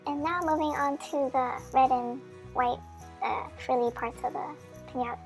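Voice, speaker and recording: A woman's voice: high voice, fairly even intonation, normal speed, soft background music. A woman's voice sped up into a chipmunk voice, giving a chatty, friendly craft how-to voice-over with small slips. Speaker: craft tutorial maker.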